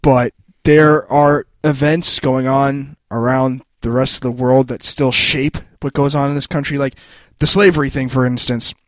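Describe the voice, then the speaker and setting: A man's voice: mid-range voice, little pitch movement, moderate pace, hardly any pauses, no room sound. A man co-hosting a casual podcast chat, earnest and rambling, often restarting sentences. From New Jersey. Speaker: podcast co-host.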